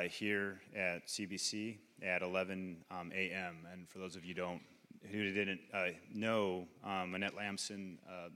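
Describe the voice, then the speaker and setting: A man's voice: low voice, a bit bright. A man making an informal, hesitant announcement as a church leader, in a reverberant hall.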